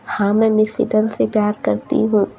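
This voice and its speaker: A woman's voice: medium pitch, monotone, normal speed, vocal fry, warm tone, muffled recording, soft background music, lightly acted. A woman voicing an anxious young female student who pleads and asks worried questions. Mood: pleading.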